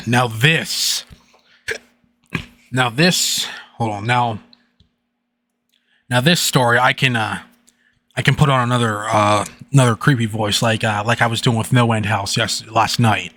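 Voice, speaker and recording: A man streaming late at night, chatting haltingly with many fillers and then reading a creepy internet story aloud. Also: mid-range voice, fairly even intonation, pushed and bright. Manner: halting, filler-heavy chat between readings.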